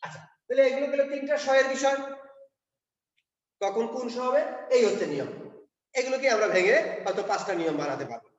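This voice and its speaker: A man's voice: extremely high pitch, lively intonation, quick pace, pauses often. A man teaching a pronunciation lesson, explaining step by step and checking in with his listeners. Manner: explains step by step, checks in with "কেমন?" and "ঠিক আছে?". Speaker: Bengali language teacher. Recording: echoey hall, dull lo-fi sound.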